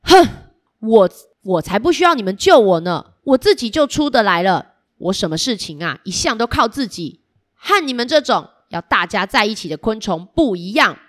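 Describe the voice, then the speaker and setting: A woman's voice: mid-range voice, sing-song, normal speed, natural voice. A woman voicing a proud, aloof loner stag beetle in a picture book, huffy and standoffish. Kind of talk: picture-book read-aloud.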